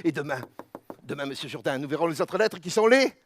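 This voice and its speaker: An actor playing a pompous philosophy teacher who lectures pedantically, over-articulating every vowel. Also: male voice, a little high, animated, a little fast, slight background noise, close to an everyday voice. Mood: pedantic.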